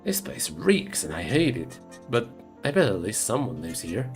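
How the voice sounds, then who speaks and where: A man plays a gruff train conductor with a gravelly edge who grumbles and snipes his way through a game. His pitch swings a lot from line to line, with faint music underneath. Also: sing-song, normal speed. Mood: grumbling. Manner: sarcastic, grumbling. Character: grumpy sarcastic train conductor companion.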